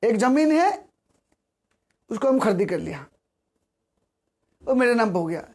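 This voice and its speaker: A man's voice: extremely high pitch, big pitch swings, a little mellow. Man preaching with rhetorical questions. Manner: repetitive, rhetorical questions, sings verses slowly. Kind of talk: devotional sermon.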